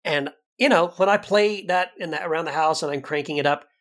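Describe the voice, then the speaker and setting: A man co-hosting a podcast in casual conversation, animated, his voice jumping high for emphasis. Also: brisk. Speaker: podcast co-host.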